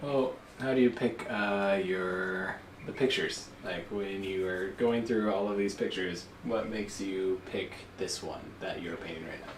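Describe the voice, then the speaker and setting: Teasing guy on a stream, lowish voice, far off in a noisy room. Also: a little slow, few pauses. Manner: playful, teasing. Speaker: livestream co-host. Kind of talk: casual livestream chat. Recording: distant mic in echoey, noisy room.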